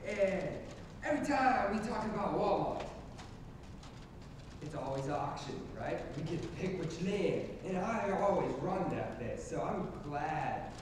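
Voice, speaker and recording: A man's voice: a little high, sing-song, measured pace. Man as a rambling auctioneer, very echoey hall. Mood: chatty. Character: rambling small-town auctioneer. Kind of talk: improv stage comedy. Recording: echoey hall from far off, noisy.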